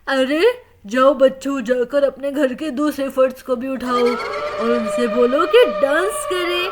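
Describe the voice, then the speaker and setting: Woman doing a slow gloating male jinn. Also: high-pitched, a little hiss or hum, pitched below the performer's own voice. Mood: commanding. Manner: slow, gloating, drawn-out threats. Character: menacing male jinn, boastful and vengeful. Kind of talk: storybook doll-play voice acting.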